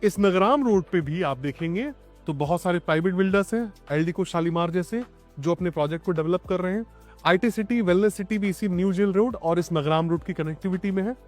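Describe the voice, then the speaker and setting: A man hosting an outdoor property tour, explaining things clearly and addressing viewers as friends. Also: sits high, a little fast, soft background music. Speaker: property video host. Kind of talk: on-site property tour interview. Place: outdoors at a plot site.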